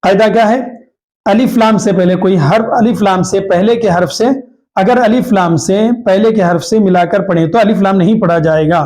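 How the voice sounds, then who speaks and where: A man with a Hyderabadi Urdu accent teaching a tajweed lesson, repeating each rule and slowly drawing out the Arabic example words. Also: sits high, darkish tone. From Hyderabad, India. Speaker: Quran recitation teacher. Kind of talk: tajweed lesson, explaining rules.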